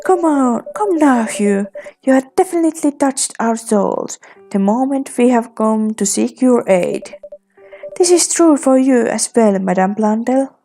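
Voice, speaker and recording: A woman's voice: fairly high pitch, animated, a little slow, warm tone, faint music behind. A woman voicing a flamboyant theatrical man. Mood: effusive. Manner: grand and theatrical.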